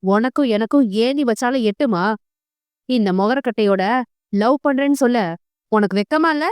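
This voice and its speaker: A woman narrator puts on a young man in a temper, snapping out harsh, fast rebukes in a storybook reading. The voice stays smooth and dry, pitched high. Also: no room sound, close to an everyday voice. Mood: angry scornful. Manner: harsh, rapid scolding. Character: young man, angry, scornful cousin.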